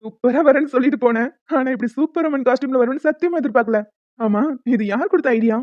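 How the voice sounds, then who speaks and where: A woman doing a fast, teasing cartoon young man. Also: high-pitched, no room sound, dull audio, close to an everyday voice. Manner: teasing, amused banter. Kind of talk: animated cartoon voice acting.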